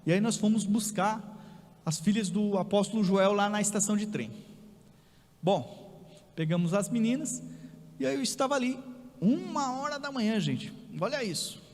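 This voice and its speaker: Brazilian pastor, high-pitched man, lively storyteller with sudden shouts, echoing church room. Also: normal speed, long pauses. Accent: Brazilian Portuguese. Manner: animated storytelling, loud outbursts. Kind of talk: sermon testimony. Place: church hall. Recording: long church reverb.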